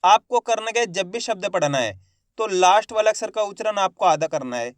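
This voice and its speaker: A man teaching Hindi reading, slowly sounding out each syllable and calling viewers his friends. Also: high voice, lively intonation, no echo. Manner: slow, drawn-out syllables, addresses viewers as friends. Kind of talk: spelling-out reading lesson.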